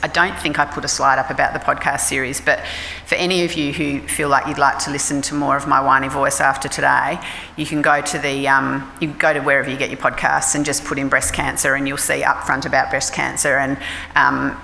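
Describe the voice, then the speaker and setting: Australian woman, low creaky voice, bright edge, frank chatty psychologist talk, reverberant hall. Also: a little hiss or hum. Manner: frank, conversational, self-deprecating. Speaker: clinical psychologist speaking at a forum. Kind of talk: informal public talk. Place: forum hall. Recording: reverberant hall with faint ambience.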